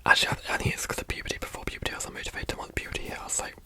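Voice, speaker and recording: A young adult speaking in a fast, breathy ASMR whisper, rambling informally and repeating words while answering questions.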